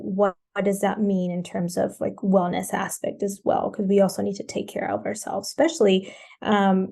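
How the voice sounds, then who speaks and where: A woman in her thirties, originally from Colombia, is a guest on a casual podcast, talking about wellness coaching. She rambles a little and leans on "you know" and "like" fillers. Her pitch is in the middle range for a woman. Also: creaky, a little mellow.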